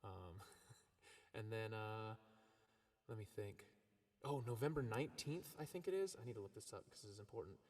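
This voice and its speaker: Between songs on a live stream, this singer-songwriter chats at a normal speed in a lowish male voice. A heavy cave-like echo covers everything he says as he rambles, relaxed, dropping plenty of ums and likes.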